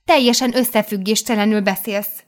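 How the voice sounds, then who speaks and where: A woman's voice: medium pitch, steady tone, natural voice. A woman voicing a fussy, condescending female history teacher in an audiobook. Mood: patronizing. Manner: patronizing, mock-concerned. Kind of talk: audiobook character voice.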